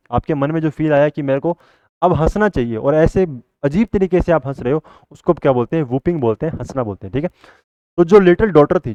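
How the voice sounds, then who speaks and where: A man's voice: a little high, darkish tone, smooth, no echo, lo-fi sound. A male teacher giving a vocabulary lesson. He keeps asking the class a question and then answering it himself.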